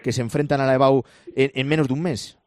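A man's voice: medium pitch, fairly even intonation, fast talker, a little mellow, no echo, studio quality. A man hosting a midday radio news show, interviewing and presenting headlines. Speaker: radio host.

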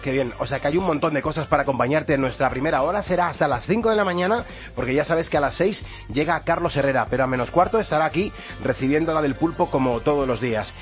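Casting: male Castilian Spanish radio host, fairly high voice made duck-like by a stuffy cold, music underneath. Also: quick pace. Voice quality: congested, hollow duck-like voice from a cold. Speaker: radio morning show host. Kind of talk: upbeat radio presenting.

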